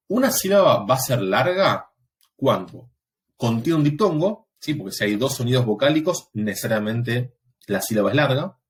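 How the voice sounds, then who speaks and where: Patient man explaining like a teacher. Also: mid-range voice. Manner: patient, explanatory, checks understanding with frequent "¿sí?". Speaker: Latin teacher. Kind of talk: recorded class lecture.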